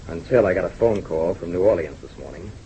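A grave, serious airline owner in an old-time radio drama. His voice sits very low and he presses his point in a steady, insistent way. Faint hiss lies under the sound of an old radio broadcast. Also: fairly quick, dull audio. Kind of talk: 1940s radio drama acting.

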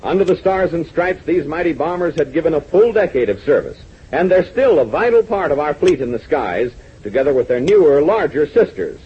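A husky-voiced man narrates and announces an old-time radio adventure serial. He is earnest and rallying, calling his young listeners gang, and his pitch swings widely. The sound is dull and lo-fi, like a 1940s radio broadcast. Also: sing-song, brisk, few pauses.

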